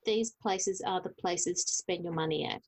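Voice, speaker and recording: A woman's voice: fairly low pitch, normal speed, creaky, husky. A woman hosting a podcast, affirming and thanking her guest. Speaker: podcast host. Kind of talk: casual interview.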